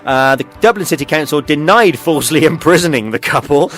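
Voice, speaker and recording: Guy on local radio reading funny news, kinda high voice, keeps chuckling, faint music behind. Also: expressive, fairly quick, fairly bright tone. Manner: chuckles often, lots of ums and uhs. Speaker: radio show host reading a news feature. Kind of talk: casual news reading with banter. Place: radio studio.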